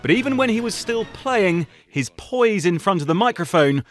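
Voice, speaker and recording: Man, scripted sports tribute narration, highish voice, very varied intonation. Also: lively intonation, normal speed, soft background music.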